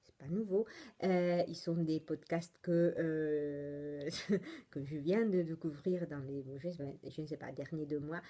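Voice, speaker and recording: Slow, mellow-voiced Italian woman rambling. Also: low-pitched. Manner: rambling, hesitant, many fillers and restarts. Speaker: knitting podcast host. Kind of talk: casual chatty podcast monologue.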